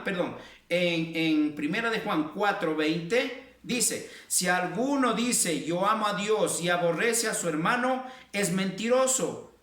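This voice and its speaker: A man's voice: high-pitched, bright, forceful tone, echoey room, distant mic. A man preaching a sermon as pastor, speaking with fervent emphasis and often calling out to his listeners as brothers. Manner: preaching with fervent emphasis and repeated "amados hermanos".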